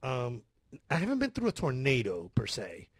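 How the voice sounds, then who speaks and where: A man's voice: mid-range voice, huge pitch swings, moderate pace, slightly rough, no echo, clean studio sound. A man telling a story in a casual chat, laughing, swearing and acting out his own panicked screams.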